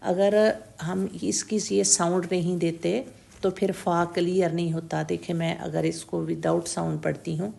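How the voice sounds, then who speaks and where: A woman teaching tajweed pronunciation, slowly and patiently demonstrating each letter sound over and over and checking that the learner follows. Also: lowish voice, little pitch movement, vocal fry, warm tone. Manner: mixes English words into Urdu, checks in with "theek hai?". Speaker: Quran recitation teacher.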